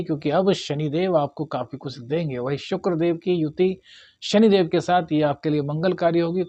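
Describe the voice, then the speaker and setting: A man's voice: a little high, darkish tone, no room sound, lo-fi sound. A man, an astrologer giving a monthly horoscope talk and advising viewers earnestly, calling them brother.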